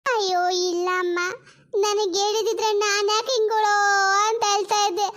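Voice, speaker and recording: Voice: very high voice, level tone, normal speed, fairly bright tone. A performer voicing a grieving elderly mother-in-law who laments and sobs in a family drama. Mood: wailing. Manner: wailing and lamenting, sobbing pleas.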